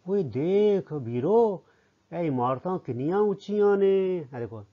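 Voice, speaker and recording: A man's voice: on the high side, animated, fast talker. A man with a Punjabi accent voicing a proud young male frog who boasts in wide-eyed exclamations, on a slightly dull lo-fi recording. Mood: amazed.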